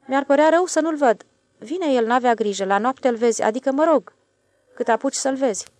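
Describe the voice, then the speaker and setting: A woman's voice: high-pitched, a little mellow, dry recording, pitched above the performer's own voice, close to an everyday voice. A woman voicing a talkative, deferential male railway switchman in an audiobook, speaking eagerly. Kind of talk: audiobook character voice.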